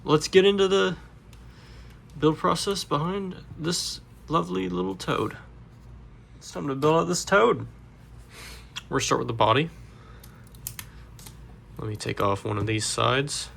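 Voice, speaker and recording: Congested man with a gravelly voice. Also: a little high, unhurried, long pauses, slight background noise. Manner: relaxed, rambling with fillers. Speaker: Lego builder, channel host. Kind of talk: casual build tutorial.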